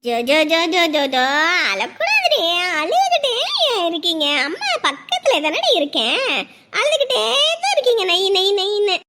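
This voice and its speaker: A woman's voice: very high voice, huge pitch swings, moderate pace, very noisy, full character voice. A woman playing a cooing young mother. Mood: tender. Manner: soft, cooing, sing-song. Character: young mother lulling her crying baby. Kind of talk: Tamil family drama acting.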